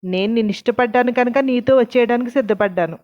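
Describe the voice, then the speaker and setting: A woman's voice: on the high side, fast, darkish tone, close to an everyday voice. Brief: woman voicing a reproachful young girlfriend in an audio story, dull lo-fi sound. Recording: dull lo-fi recording.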